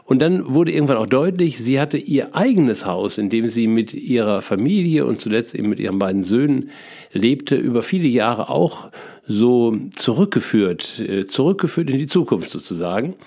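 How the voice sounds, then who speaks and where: A middle-aged man slowly telling a personal, spiritual life story, reflective and full of small hesitations and restarts. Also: medium pitch, lively intonation, dark tone. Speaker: feng shui consultant telling his life story.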